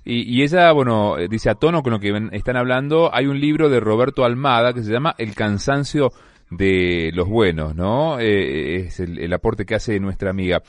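A man's voice: on the low side, animated, moderate pace, dry recording. A man hosting a radio talk show, hesitant and full of fillers as he reads listener messages. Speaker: radio host.

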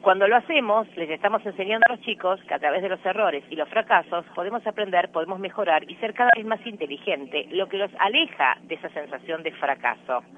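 High-voiced Rioplatense man on a phone line. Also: a little fast, few pauses, slight background noise. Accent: Rioplatense Spanish. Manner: earnest, explanatory, lecturing. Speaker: parenting guest expert. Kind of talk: radio interview advice.

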